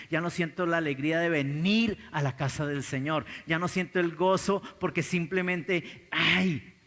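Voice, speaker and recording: A male pastor with a Colombian accent delivers a sermon in a fairly high voice. He swings from loud, pressing exclamations to low, intense asides. The live recording carries a long reverb from the church hall. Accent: Colombian Spanish.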